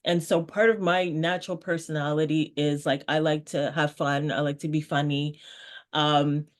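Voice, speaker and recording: Brief: young adult woman, interview guest from Canada, lively and casual, laughs easily. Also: sits low, moderate pace. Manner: animated, laughs often, acts out quoted voices. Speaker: guest, brand strategist.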